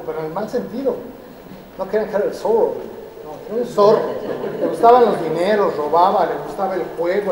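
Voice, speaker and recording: A Mexican man in his fifties lectures a room of teachers in lively fashion, questioning the audience and driving each point home. His voice is mellow and dark yet high-pitched, echoing through a large hall with metal roof beams, recorded by a distant camera with a slight hiss or hum.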